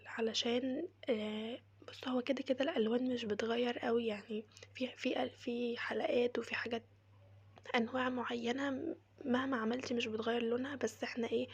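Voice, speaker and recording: An Egyptian woman with a cold, which has changed her voice, leads viewers through a casual home tutorial as a crochet maker showing how to clean. Her very breathy, slightly high voice stays soft and mostly whispered, with a narrow, even melody, an Egyptian Arabic accent and friendly asides.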